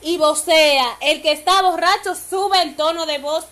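A woman's voice: very high voice, measured pace, crowd noise. A woman with a Dominican accent, chatting animatedly and acting out the voices of other people. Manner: animated, acts out what others say. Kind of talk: casual chat.

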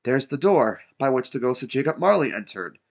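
A man's voice: fairly low pitch, sing-song, fairly bright tone. A man voicing an overjoyed, giddy old reformed miser in a storybook reading, in breathless, repeated exclamations. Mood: giddy joy. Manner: breathless exclamations, rapid gleeful repetition.

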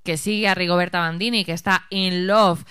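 A woman co-hosting a casual podcast, telling anecdotes in an animated way. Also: fairly low pitch, brisk, smooth, no room sound, clean studio sound. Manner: animated storytelling. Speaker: podcast co-host. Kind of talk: casual chat.

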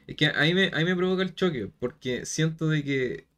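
A man's voice: a little high, brisk, a bit bright. A man with a Chilean Spanish accent in a casual debate, who keeps stressing his point and repeating himself.

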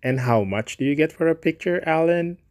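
A man reading aloud, voicing an earnest, kind-hearted young gentleman in a raised, eager tone. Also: a little high, expressive, brisk, voice pushed up, lightly acted.

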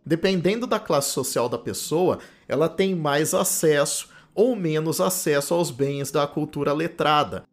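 A man's voice: on the high side, measured pace, hardly any pauses, soft background music. A man from the interior of São Paulo with a Campinas accent and retroflex caipira R, a linguistics professor explaining ideas in a podcast lecture recorded in his home office, often adding "né?" tags. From Campinas, interior of São Paulo state, Brazil.

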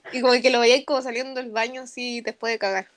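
A young woman with a Chilean accent chatting casually as a podcast co-host, telling self-deprecating stories in a relaxed way. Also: fairly high pitch, very fast, no echo. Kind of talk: casual chat.

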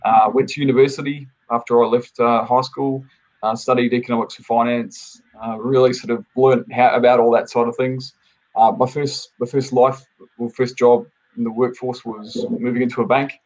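A man's voice: medium pitch, flat delivery, normal speed, a little mellow, low-quality recording. A man from New Zealand with a New Zealand accent, a podcast guest telling his story steadily, with many fillers. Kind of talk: casual podcast interview.

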